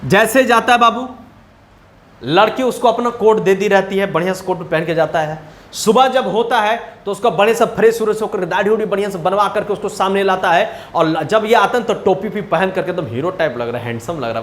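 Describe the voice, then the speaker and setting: A man's voice: high voice, a little fast, a bit bright, echoey room. A man teaching a class, retelling a story in a chatty way and often asking whether the students follow. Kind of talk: storytelling lesson retelling a chapter.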